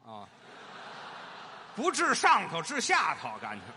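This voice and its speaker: A male comic foil trades short, dry interjections with his partner. His pitch swings widely and sits a little high. His tone is very bright, with faint background noise. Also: wildly swooping pitch, slow pace. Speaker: straight man in comedy duo. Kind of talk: crosstalk comedy performance.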